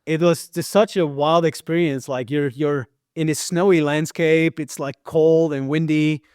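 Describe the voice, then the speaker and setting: A man's voice: fairly high pitch, steady tone, unhurried, darkish tone, smooth, dry recording, clean studio sound. A man from the Netherlands with a Dutch accent tinged with American, telling stories as a guest in casual talk, with many fillers and repeated words. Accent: Dutch, partly American. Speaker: guest filmmaker and hiker. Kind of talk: casual interview storytelling.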